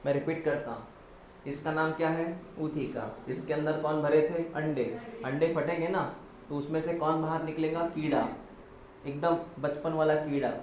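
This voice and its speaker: A man's voice: on the high side, fairly even intonation, normal speed, a little mellow, roomy sound, a little hiss or hum, low-quality recording. A male biology teacher lecturing a class in Hindi mixed with English terms, quizzing students step by step, spelling words out and answering his own questions.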